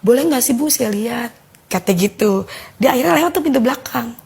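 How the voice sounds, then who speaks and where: A woman with a Betawi Jakarta accent giving a casual personal testimony, telling her story in a lively way and acting out the voices of others. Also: on the high side, a little fast, creaky, breathy edge. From Jakarta, Indonesia. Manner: animated storyteller who acts out quoted voices. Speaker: guest giving a faith testimony.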